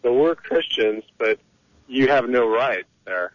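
An Egyptian man calls in to a radio talk show, ranting over the phone in a heated, rambling, opinionated way. His mid-range voice is expressive and slow, with no echo, carried over a dull lo-fi telephone line.

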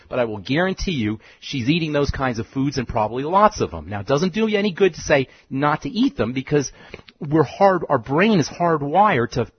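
A man's voice: mid-range voice, slightly rough, no echo. A man hosting a call-in health radio show as a pharmacist, lecturing emphatically and repeating his key points. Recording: muffled, dry studio sound.

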